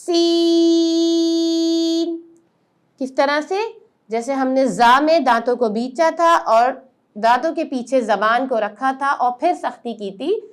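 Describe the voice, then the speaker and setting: A high-pitched woman patiently explains Quran letter pronunciation in steps. Then she lengthens each letter's sound, saying it slowly and loudly.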